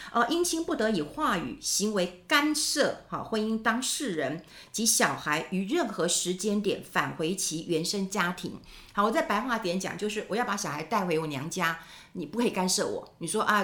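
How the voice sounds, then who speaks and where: A middle-aged woman hosting a podcast, chatting casually with lots of fillers and tag particles. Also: mid-range voice. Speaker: podcast host. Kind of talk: casual solo commentary. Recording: echoey room.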